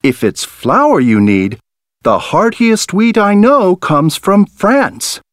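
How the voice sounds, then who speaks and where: A cheerful woman dairy farmer from a storybook, played by a man. She boasts in a raised, sing-song voice that swoops up and down. The sound is slow and close. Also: high-pitched, sing-song, dry recording, pitched above the performer's own voice, heavily acted. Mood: proud, helpful.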